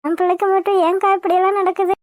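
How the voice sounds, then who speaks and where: A grieving village mother in a cartoon, pleading and sobbing in a very high, thin voice, as a woman acts her out. The sound is close and dry. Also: flat delivery, very fast, darkish tone, dry recording. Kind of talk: cartoon voice acting.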